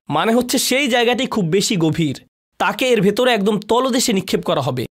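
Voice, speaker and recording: A man giving a religious lecture on a Quran chapter, explaining word meanings, reciting Arabic phrases and stressing key words. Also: sits high.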